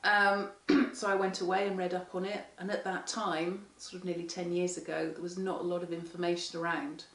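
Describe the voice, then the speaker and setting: A hoarse woman, a parent carer speaking frankly in an interview and acting out what others say. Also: lowish voice, little pitch movement, brisk, fairly bright tone. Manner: frank, candid storytelling that acts out quoted speech. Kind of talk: interview testimony. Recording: echoey room, mic far off.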